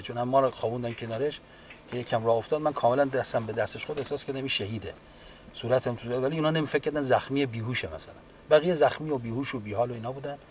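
A man, a wounded war veteran, giving a halting, unhurried personal account with frequent restarts. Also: medium pitch, slight background noise. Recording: distant mic with faint background ambience.

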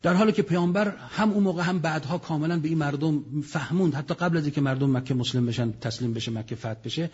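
A man's voice: a little high, darkish tone, breathy edge, dull audio. A man giving a religious lecture, telling history with dramatic storytelling and sudden raised outbursts. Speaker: preacher.

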